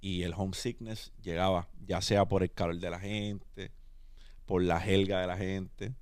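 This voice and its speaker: A man's voice: deep voice, a little slow. Puerto Rican man hosting a podcast. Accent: Puerto Rican Spanish. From Puerto Rico. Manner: energetic, mixes English words into Spanish. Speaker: podcast host. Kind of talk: casual podcast conversation.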